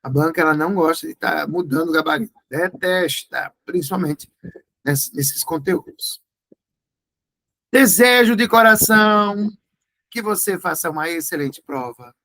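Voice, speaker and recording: Gravelly Brazilian man teaching grammar. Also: fairly high pitch, normal speed, a bit bright, low-quality recording. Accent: Brazilian Portuguese. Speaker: Portuguese exam tutor. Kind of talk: exam review class.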